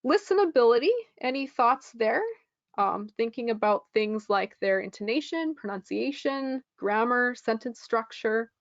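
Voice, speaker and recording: A woman's voice: on the high side, expressive, unhurried, dry recording, dull audio. A woman teaching a live online test-prep lesson, explaining scores in a friendly way with frequent ums.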